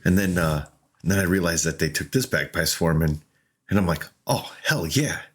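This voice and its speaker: A man's voice: low-pitched, fairly quick. A man casually commenting on his own gameplay, often laughing and acting out what he said in the moment. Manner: laughs often, excitable, retells with quoted self-talk. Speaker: gaming streamer.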